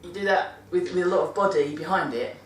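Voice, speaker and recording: In her casual monthly vlog, a British woman with a fairly low-pitched voice talks fast about looking after dogs, chatty and rambling and frequently correcting herself mid-sentence. The mic is distant, so the sound is roomy, with slight background noise.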